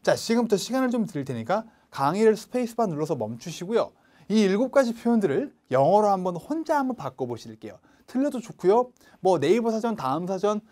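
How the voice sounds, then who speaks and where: A man teaching a recorded online lecture for an English speaking test, coaching learners and reading English lines slowly for them to repeat. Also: on the high side, a little mellow.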